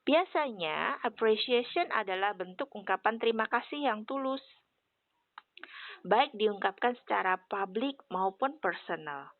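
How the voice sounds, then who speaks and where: A woman's voice: mid-range voice, no room sound. Teacher woman with a tinny, dry sound. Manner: clear and explanatory, modelling English phrases with careful stress. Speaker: English teacher. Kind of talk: spoken lesson explaining English phrases.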